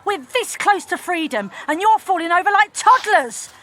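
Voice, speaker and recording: Casting: bossy, foul-mouthed woman crime leader, sharp voice, animated delivery, comedy audio drama. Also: very high voice, normal speed. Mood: exasperated. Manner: scolding, commanding, sweary. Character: foul-mouthed, bossy female gang leader, impatient and fierce.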